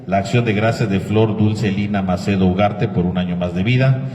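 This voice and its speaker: Echoing low-voiced priest in a church. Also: male voice, steady tone, normal speed, a little mellow. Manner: rhetorical questions to the congregation. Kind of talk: homily and liturgical prayer at Mass. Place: large reverberant church. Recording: echoey church, long reverb, distant microphone.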